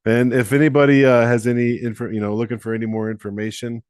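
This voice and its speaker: A man's voice: medium pitch, level tone, fast, darkish tone, clear, resonant tone, no room sound, studio quality. A man hosting a podcast interview, chatty and often restarting his questions mid-sentence. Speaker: podcast host. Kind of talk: casual interview.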